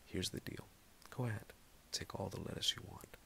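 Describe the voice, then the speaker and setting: A man voicing a cruel, bossy old witch in a bedtime story, with a very deep, gravelly voice. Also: normal speed, bright, forceful tone, a little hiss or hum, full character voice. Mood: cold scolding. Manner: cold, bossy commands.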